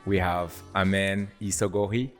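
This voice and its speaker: Deep-voiced friendly podcast host. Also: male voice, fairly even intonation, normal speed, over music. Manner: friendly, inquisitive. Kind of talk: casual podcast interview.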